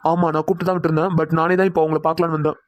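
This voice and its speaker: A woman's voice: sits low, little pitch movement, very fast, dry recording, close to an everyday voice. A woman doing a teasing young male boss. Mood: matter-of-fact. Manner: playful, teasing, bossy. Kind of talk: cartoon voice acting.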